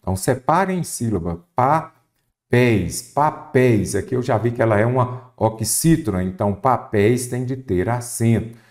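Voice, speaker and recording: A man with a Brazilian accent teaching a Portuguese spelling lesson for exam prep, lively and full of rhetorical questions he answers himself. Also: mid-range voice, normal speed, hardly any pauses. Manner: addresses the student directly.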